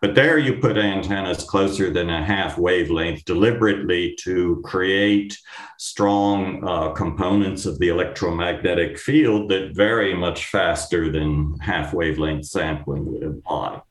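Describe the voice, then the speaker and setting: A man with a very low voice explains technical ideas as a guest expert. His delivery is measured and professorial. The sound is roomy, with clear echo around his words. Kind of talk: technical panel discussion.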